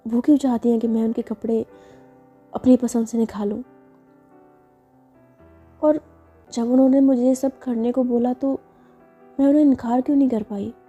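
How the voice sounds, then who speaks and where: A woman's voice: a little high, fairly even intonation, moderate pace, long pauses, mellow, dull audio, soft background music, natural voice. A shy, confused young bride, as a woman storyteller puts her on. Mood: wistful.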